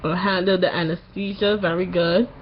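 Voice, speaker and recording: A woman in her late twenties giving a casual personal update in a halting way, a little tired and recovering from tonsil surgery that morning. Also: fairly low pitch, fairly even intonation, dull audio, slight background noise. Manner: slow, halting delivery with long pauses. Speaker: vlogger.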